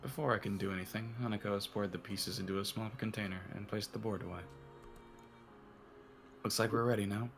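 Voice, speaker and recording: A man's voice: lowish voice, fairly even intonation, fairly quick, creaky, pauses often, music in the background. A man reading a visual novel aloud as its narrator and lead, using a put-on cowboy drawl.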